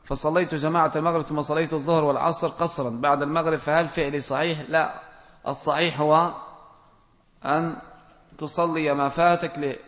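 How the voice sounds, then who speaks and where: A religious scholar, a man, reads out audience questions and answers each with plain, direct rulings. His voice sits a little high and he gently admonishes his listeners. Long reverb trails behind him, as in a mosque or large lecture hall. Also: little pitch movement, brisk.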